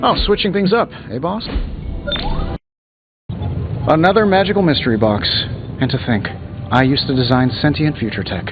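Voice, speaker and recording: An actor playing a cocky, wisecracking tech genius superhero in a video game, with an American accent and sarcastic manner. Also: male voice, a little high, normal speed, pauses often, highs cut off, over music, natural voice. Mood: wry. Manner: glib, sarcastic quipping. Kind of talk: scripted video game voice acting.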